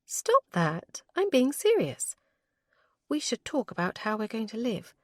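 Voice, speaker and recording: A woman voicing a spirited young newlywed gentlewoman, playful and arch in her teasing. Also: on the high side, huge pitch swings, no echo, studio quality, pitched above the performer's own voice, heavily acted. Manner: playful, arch, quick to tease.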